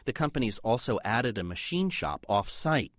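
A man's voice: mid-range voice, normal speed, dry recording, studio quality. A man narrating a scripted business news report for radio. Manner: lively, polished delivery.

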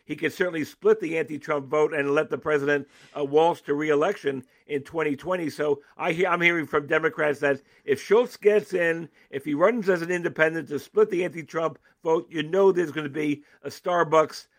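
A man giving political analysis as an interview guest, animated and emphatic, often restarting his sentences. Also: a little high, moderate pace, hardly any pauses.

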